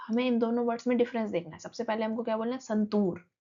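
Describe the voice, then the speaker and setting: A woman teacher, explaining a textbook lesson and reading English lines slowly before she explains them. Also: a little high, mellow, muffled recording.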